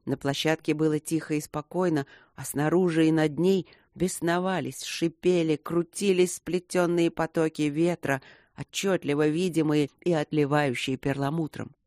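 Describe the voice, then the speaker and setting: Male audiobook narrator, measured, slightly high voice, dry close sound. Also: fairly even intonation, darkish tone, no echo. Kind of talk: scripted narration.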